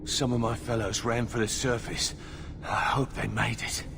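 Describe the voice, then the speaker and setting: A coarse, plain-talking miner who has just fled for his life, acted by a man in a video game. His voice sits at an ordinary middle pitch. Steady noise runs under the game audio. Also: normal speed, vocal fry, close to an everyday voice. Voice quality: plain-spoken, coarse words. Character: frightened working-class male miner, rough-spoken.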